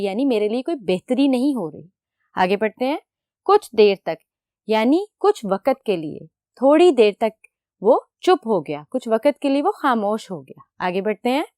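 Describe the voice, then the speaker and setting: A young woman teacher with a fairly high, lively voice that swings up and down as she explains. She patiently puts questions to the children and answers them herself. The recording is close and dry, with no room sound. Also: no echo. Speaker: school teacher. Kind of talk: recorded classroom lecture.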